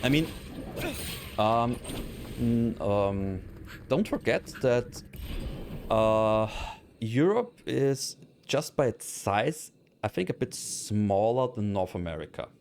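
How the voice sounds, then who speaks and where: A native German speaker with an Austrian accent streams a let's play, chatting casually with his chat while gaming, hesitant and full of fillers and restarts. His lowish voice is expressive and a little mellow, slow-paced, with slight background noise.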